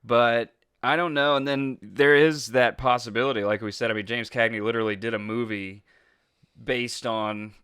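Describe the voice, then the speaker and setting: A man's voice: mid-range voice, fairly even intonation, normal speed, fairly bright tone, clear, resonant tone, no echo, clean studio sound. A man co-hosting a casual film history podcast, rambling through stories with frequent fillers and laughs. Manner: rambling storyteller, laughs often, many fillers. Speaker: podcast co-host.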